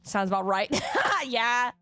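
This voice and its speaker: High-voiced, bubbly cute anime-streamer woman. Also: moderate pace, no room sound, faint music behind. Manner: loud, excitable, sweary. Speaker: variety streamer, VTuber. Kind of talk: casual livestream game commentary.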